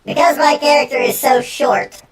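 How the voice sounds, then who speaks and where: A woman's voice: sits high, normal speed. A woman game streamer giving casual commentary as she plays and reads game text aloud. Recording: echoey room, faint game music behind.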